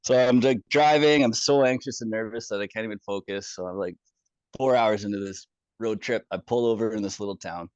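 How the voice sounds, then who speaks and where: A man casually recounting his own experience as a guest, animated and swearing freely, with chuckles along the way. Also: lowish voice, a little fast, dry recording. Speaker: former community moderator telling his story. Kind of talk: casual first-person storytelling. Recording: dull, dry, somewhat lo-fi sound.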